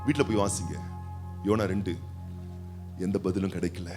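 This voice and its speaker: A man preaching a sermon as a pastor, moving between quiet teaching and loud, fervent exhortation and acting out the people he quotes. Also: low-pitched, fairly even intonation, moderate pace. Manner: acts out the people he quotes in short bursts. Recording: faint music behind.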